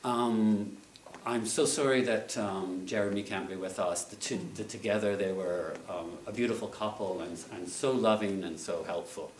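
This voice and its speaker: A lower-voiced man speaks a hesitant tribute, pausing with frequent fillers. He stands well back from the microphone, so his voice sounds distant and echoey in the room, with faint ambient noise behind. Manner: hesitant, many fillers, soft-spoken. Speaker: speaker at a memorial reception. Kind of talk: halting memorial tribute. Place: museum reception room.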